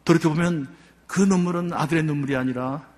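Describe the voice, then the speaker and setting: An older man, a church elder, gives a heartfelt testimony, telling his story earnestly with many pauses. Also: fairly high pitch, darkish tone. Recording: long hall reverb.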